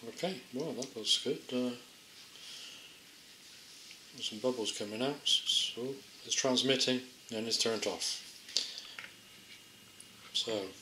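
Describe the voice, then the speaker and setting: He takes things slowly, his mid-range voice broken by long pauses. This amateur tester gives a hands-on, unscripted gadget demo, musing aloud in a tentative, understated manner. Clicks and faint noise sit under a roomy echo.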